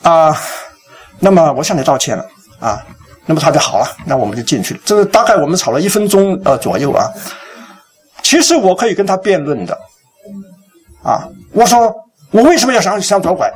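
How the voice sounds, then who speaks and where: A middle-aged man delivers a sermon, pitched high for a man and full of rises and falls. He tells a story the way a pastor does from the pulpit and acts out the quotes inside it.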